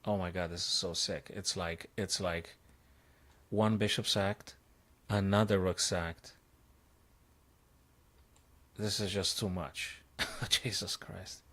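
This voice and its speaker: Speaking slowly with frequent pauses, a man with a very low voice works through chess puzzles on a live stream. He thinks aloud in short bursts, repeats phrases, and bursts into excitement, like a coach figuring out each move in real time.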